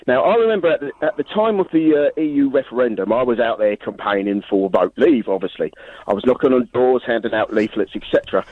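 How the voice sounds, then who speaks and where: A man's voice: medium pitch, lively intonation, fast, dry recording. Male phone-in caller, muffled line, stammering storyteller. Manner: storytelling, stammering, laughing at himself. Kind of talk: phone-in anecdote.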